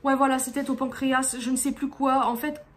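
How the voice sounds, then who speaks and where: High-voiced exasperated woman vlogger. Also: little pitch movement, brisk. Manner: exasperated, rambling, with frequent restarts. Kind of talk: casual venting vlog.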